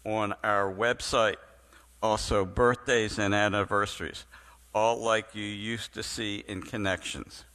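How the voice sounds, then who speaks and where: A man reads out synagogue announcements, slowly and deliberately. His voice sits a little low but sounds bright. A long reverb from the sanctuary trails each phrase. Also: steady tone. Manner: slow and measured, clearing his throat. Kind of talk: reading announcements. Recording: reverberant hall.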